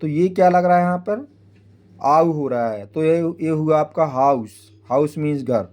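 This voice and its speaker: A man's voice: fairly high pitch, measured pace, a little mellow. A man teaching English phonics in Hindi, spelling words out letter by letter and often checking in with the listener. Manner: frequent tag "है ना" checking with the viewer.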